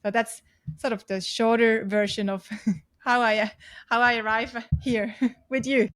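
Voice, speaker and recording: A woman in her forties with a Swiss accent, a podcast guest chatting lively about her life with frequent laughs. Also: fairly high pitch, unhurried. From Switzerland. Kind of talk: casual interview storytelling.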